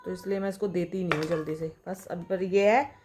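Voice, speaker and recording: A woman's voice: lowish voice, fairly even intonation, a little fast, darkish tone, husky. A young woman chatting casually in a home vlog, cooing now and then to her pet dog. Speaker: vlogger. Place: at home indoors.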